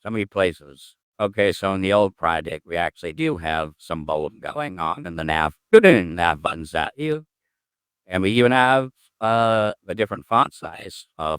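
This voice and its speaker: This programmer, streaming as he codes, has an extremely deep, smooth, resonant voice with a fairly bright tone. He thinks aloud casually, muttering, humming and letting sentences trail off. The recording is close and dry with no room echo.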